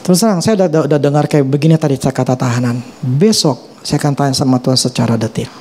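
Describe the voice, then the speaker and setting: A middle-aged male pastor, preaching a sermon in colloquial, animated speech with sudden rises and drops in pitch. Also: fast, a little hiss or hum. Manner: colloquial Jakarta-style slang, animated pitch swings.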